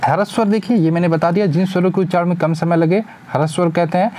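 A man's voice: high voice, fairly even intonation, fast talker, mellow, slight background noise. A young man teaching an exam-prep lesson, asking questions and answering them himself. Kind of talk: spoken lesson.

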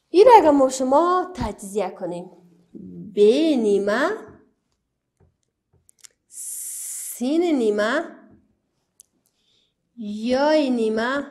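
A woman's voice: high-pitched, a little mellow. A woman teacher with an Afghan Dari accent, giving a recorded lesson to young children, spelling out letters and syllables and answering her own questions. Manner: spells out letters and syllables slowly, repeating words; asks questions, then answers them herself. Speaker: primary school teacher.

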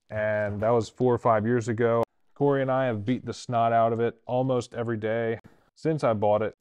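A man's voice: medium pitch, darkish tone, clear, resonant tone. A man in his thirties, a traveling TIG welder, walking through his workshop tools in a plain, practical way, filmed on a handheld camera. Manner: plain practical explaining, matter-of-fact. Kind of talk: shop tool-tour walkthrough. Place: indoor workshop.

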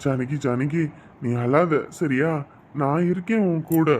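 A man's voice: fairly high pitch, slow pace, darkish tone, a little hiss or hum. A man playing a devoted young husband who pleads with and reassures his upset wife in a family drama. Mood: soothing. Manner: pleading, reassuring, then grumbling to himself. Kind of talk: melodramatic web-series acting.

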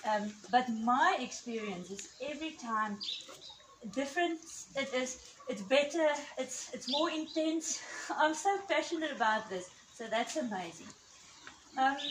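A middle-aged woman with a high voice and a Namibian accent shaped by her native Afrikaans gives an informal speech. She projects outdoors with emphatic pauses, picked up from a few metres away amid loud background noise. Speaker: art teacher and event host. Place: outdoors on a porch before a garden audience. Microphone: camera a few metres away. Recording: noisy outdoor phone video with birdsong.

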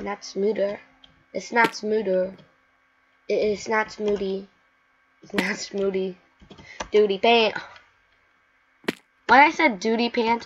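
A woman giving live gameplay commentary, excitable and talking to herself, chanting the same words over and over. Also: medium pitch. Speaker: gaming channel host. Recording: dull lo-fi mic with faint hiss.

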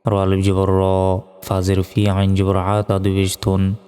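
A man teaching Quran recitation, spelling letters and vowel marks one by one and chanting each verse slowly. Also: low voice, completely flat delivery, warm tone, smooth. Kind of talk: religious lesson with spelled-out recitation. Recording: long reverb with faint music.

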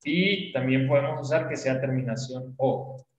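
A man's voice: medium pitch, normal speed, roomy sound, muffled recording. A man teaching an online English class, explaining patiently and often checking that students follow. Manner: patient, often checks understanding with tag questions.

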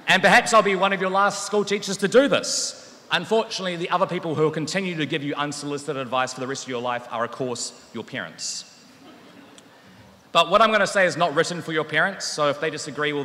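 Standing at a podium mic in a big hall, a man in his thirties with a New Zealand accent gives a graduation address as a teacher, wry and earnest with a self-deprecating streak. His voice sits a little high, bright and forceful, and the hall's reverb rings long.

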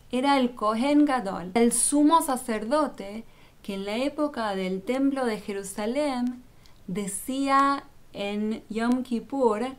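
Woman, religious teacher, patient explainer, unhurried delivery, slightly high voice. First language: Spanish speaker, not Hebrew. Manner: patient, addresses viewer directly.

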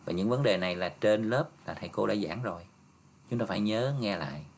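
A male teacher goes through an exam review step by step, patient, ending phrases with soft tags. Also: on the low side, lively intonation, a little fast, a little hiss or hum. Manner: patient, explains step by step, ends phrases with "ha" and "nha".

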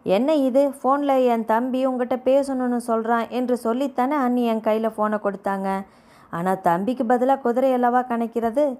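A woman reading a storybook voices a cheeky, sharp-tongued young wife who mocks with quick retorts. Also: medium pitch, close to an everyday voice. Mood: mocking.

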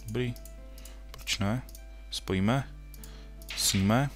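A man's voice: on the low side, over music. A young man casually commenting while playing a computer game at home, rambling and correcting himself, with jokey asides. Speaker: gaming video host. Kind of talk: casual Minecraft let's play commentary.

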